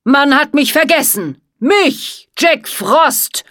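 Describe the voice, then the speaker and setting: Woman reader doing a raging storybook ice wizard: loud, cutting, high, dragged-out curses, dry recording. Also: expressive, slow pace, no echo, heavily acted. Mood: furious. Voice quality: cutting, shouting. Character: furious menacing male ice wizard.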